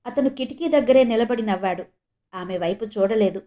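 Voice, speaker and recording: A woman from India narrating a novel as an audiobook in a calm, steady storytelling manner. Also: fairly high pitch, moderate pace. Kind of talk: novel reading.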